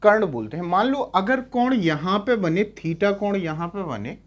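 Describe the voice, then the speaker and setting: Speaking a little slowly in a high, animated voice, a man teaches math in Hindi mixed with English terminology. The classroom-style lecture is full of short check-in questions, and he repeats every key term.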